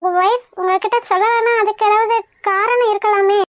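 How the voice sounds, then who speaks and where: A woman acting out a fretful young cartoon woman, worried and quick to reassure, in a very high, squeaky voice. Dry, close recording. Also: fairly even intonation, no echo. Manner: fretful, anxious.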